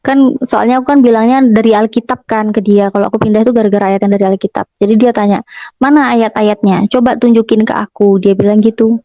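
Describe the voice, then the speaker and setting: A woman's voice: medium pitch, steady tone, fast talker, dark tone, no room sound. A young adult woman telling a personal story in a chatty way, retelling family conversations with lots of fillers. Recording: muffled dry recording.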